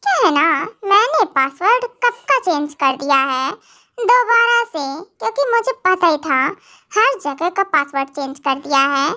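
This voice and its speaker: Fan-drama role: an argumentative, stubborn young woman , voiced by a woman, high lively voice. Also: unhurried, exaggerated voice. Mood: defiant. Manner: argumentative, insistent. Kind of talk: fan audio drama acting.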